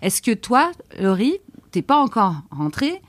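A woman from France, co-hosting a podcast, telling a personal story in a lively, chatty way. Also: fairly high pitch, unhurried, dry recording. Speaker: podcast co-host.

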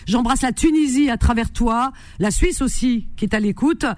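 A woman from Algeria hosting a radio call-in show in casual chat, lively and teasing, laughing often. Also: fairly high pitch, moderate pace, dry recording.

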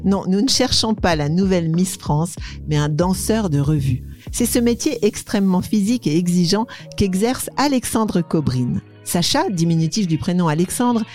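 Lady host with a lowish voice, measured read-out intro then questions, faint music under it. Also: mellow. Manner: clear, measured presenter delivery. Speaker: podcast host. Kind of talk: scripted intro then interview.

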